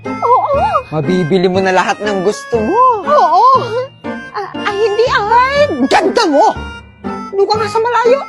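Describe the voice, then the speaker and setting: A woman's voice: very high voice, big pitch swings, measured pace. A woman acting out a comedy skit with teasing, bickering banter. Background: music.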